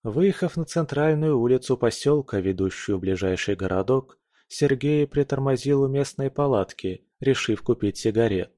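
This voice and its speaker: A man narrating an audiobook in a calm, measured reading. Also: medium pitch, no room sound, studio quality. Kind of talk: scripted narration.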